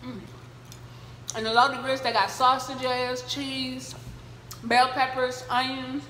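High-voiced woman chewing while talking. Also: little pitch movement, slow, a bit bright, a little hiss or hum. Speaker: mukbang vlogger. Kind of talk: casual eating show chat. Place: at home, indoors. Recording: echoey room with long reverb.

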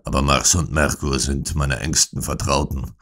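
A man doing a gruff, cold old moneylender. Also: very deep voice, fairly even intonation, normal speed, fairly bright tone. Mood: gruff irritated. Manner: gruff, irritated, growling. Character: cold hard-hearted older male moneylender. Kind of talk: audiobook character voice.

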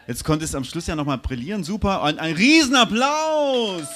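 A man hosting a comedy show, announcing acts on stage in an upbeat, hurried way. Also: high-pitched, lively intonation, fairly bright tone. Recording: live stage with faint crowd and noise.

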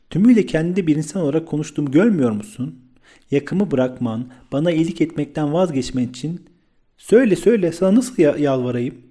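A man reading an audiobook, voicing a feverish, bitter young man who pleads to be left alone, with a mellow tone. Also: a little high. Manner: bitter, rising to pleading outbursts.

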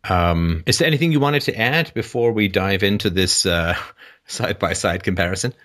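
Male call-in host, low but forceful and sharp, lecturing with sarcastic asides. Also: normal speed. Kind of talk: explanatory monologue to a caller.

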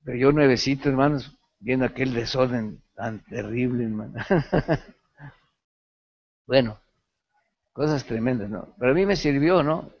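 Man telling an animated sermon story. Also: mid-range voice, unhurried, long pauses, lo-fi sound. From Mexico. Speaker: pastoral ethics teacher. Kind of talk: sermon-style lecture.

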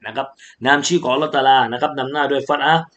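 A man's voice: mid-range voice, steady tone, very fast, fairly bright tone, lo-fi sound. A man from Thailand teaching Quran recitation, chanting verses and then patiently explaining pronunciation, repeating syllables for students. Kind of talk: tajweed recitation lesson.

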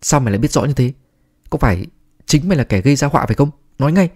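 A man voicing a spiteful young village woman in a horror storybook, shouting accusations. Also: medium pitch, expressive, very fast, husky, pitched above the performer's own voice. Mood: furious.

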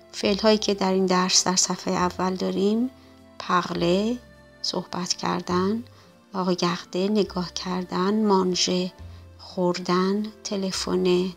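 A woman teaching a French lesson, reading French words slowly and then translating each one. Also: mid-range voice, vocal fry. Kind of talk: recorded language lesson.

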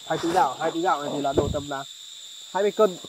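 A man hosting a charity vlog outdoors in a highland village, talking politely to viewers with many fillers. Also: racing, noisy background. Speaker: charity vlogger. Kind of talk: vlog narration and chat on location.

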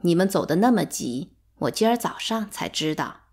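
A woman's voice: on the low side, big pitch swings, normal speed, darkish tone, breathy edge, exaggerated voice. Woman doing a kindly humble old village woman.

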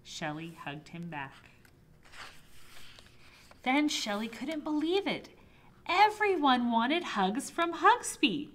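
A woman librarian reading a picture book aloud to toddlers, gently and expressively. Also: high voice, slow, long pauses. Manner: gentle, expressive storybook reading with soft voices for characters. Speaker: children's librarian. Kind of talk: toddler storytime read-aloud.

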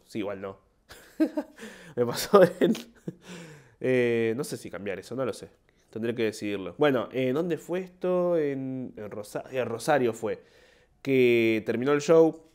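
Young Argentine man, solo podcast host, rambling and self-mocking, medium pitch. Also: lively intonation, normal speed, darkish tone. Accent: Argentine Spanish. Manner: rambling, self-mocking, acts out short quoted voices. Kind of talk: casual monologue.

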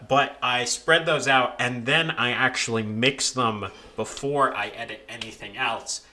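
A young man casually talking through how he edits recordings of his own singing, relaxed and with frequent restarts. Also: lowish voice, slight background noise. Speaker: video creator explaining vocal editing. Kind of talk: casual voice-over tutorial.

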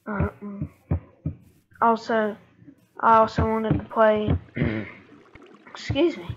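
A woman rambling casually through a Minecraft let's-play, self-correcting as she goes and losing her voice. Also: medium pitch. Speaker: gaming YouTuber. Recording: dull lo-fi mic with clear background noise.

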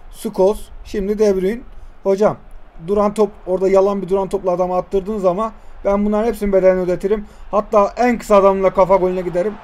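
Excitable young man shouting over gameplay. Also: high voice. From Turkey. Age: 20s. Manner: excitable, swears and shouts at the game. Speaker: gaming YouTuber. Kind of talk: live gameplay commentary.

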